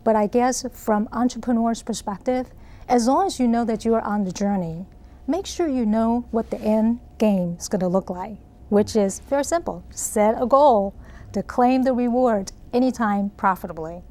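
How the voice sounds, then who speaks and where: Her voice is on the high side with a dark tone and a moderate pace. She is a middle-aged Taiwanese woman, accent to match, earnestly explaining her views in interview answers and laughing frequently.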